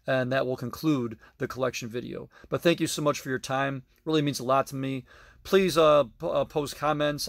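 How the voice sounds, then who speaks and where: With a creaky, fairly bright mid-range voice, a man in his thirties chats through a detailed tour of his toys in a basement full of them. He films indoors on a phone held at arm's length, yet the audio is dry and studio quality.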